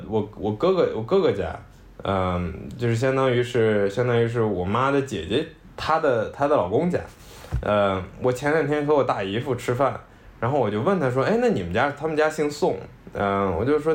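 Reflective man telling a story. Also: medium pitch. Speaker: podcast co-host. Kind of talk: casual chat.

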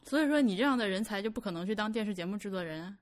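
A woman co-hosting a podcast, chatting casually and telling stories about herself in a lively, self-deprecating way. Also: medium pitch, very fast. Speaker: podcast co-host. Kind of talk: casual chat.

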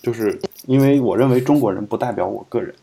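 A man's voice: medium pitch, quick pace, warm tone, breathy edge. A man hosting a podcast, talking through his views in a rambling, reflective way with many fillers and restarts. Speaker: podcast host. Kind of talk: casual podcast discussion.

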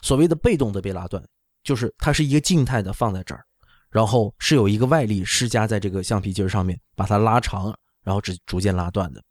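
Speaking fast in a lowish, darkish voice, a middle-aged orthopedic doctor casually explains a medical topic on a talk show, often tagging on "right?". Chinese isn't his first language, and the sound is dry.

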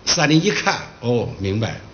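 Animated man telling history in a lecture. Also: mid-range voice, normal speed, lo-fi sound, slight background noise. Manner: animated storytelling, acts out quoted dialogue.

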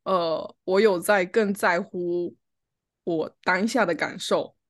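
In a fairly low-pitched voice and at a slow pace, a woman co-hosting a podcast from home chats casually, telling a personal story and voicing the lines of an argument.

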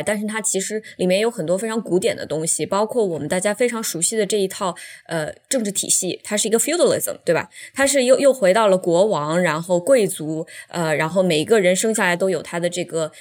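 A woman's voice: mid-range voice, fairly quick, few pauses. A woman co-hosting a podcast in a casual film discussion, talking reflectively and trailing off into fillers. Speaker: podcast co-host.

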